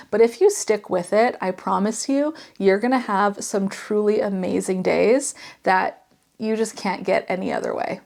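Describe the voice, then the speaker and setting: A woman with a medium-pitched voice hosts a casual how-to vlog for beginners. She talks plainly and conversationally, offering reassurance and encouragement as she explains things step by step. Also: a little mellow. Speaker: host giving beginner ski tips. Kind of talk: casual instructional vlog to camera.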